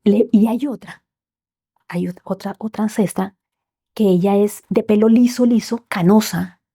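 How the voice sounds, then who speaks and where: A woman telling a personal story as a podcast guest, heartfelt and often dropping to soft near-whispers. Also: medium pitch, steady tone, unhurried, slightly rough.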